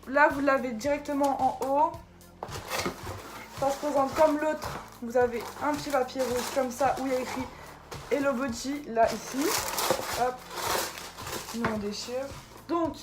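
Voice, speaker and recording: A woman's voice: high-pitched, fairly even intonation, measured pace, pauses often, music in the background. A woman chatting casually through an unboxing video, tripping over product names as she shows them. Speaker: beauty vlogger. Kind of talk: casual unboxing haul vlog.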